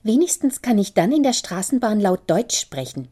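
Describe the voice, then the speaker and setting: A woman's voice: medium pitch, big pitch swings, moderate pace, pitched above the performer's own voice. A woman voicing a spirited, defiant young daughter who has caught a cold, answering back sharply. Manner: sharp, challenging retorts.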